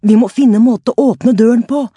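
A woman voicing a young man trapped in a burning room, shouting urgently between coughs. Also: a little high, breathy edge, no echo, studio quality, voice pushed up.

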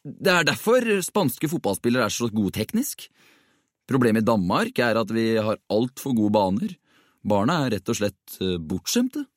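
A man's voice: lowish voice, very animated, no echo, clean studio sound. A man voicing a careful, hesitant middle-aged father in a storybook reading.

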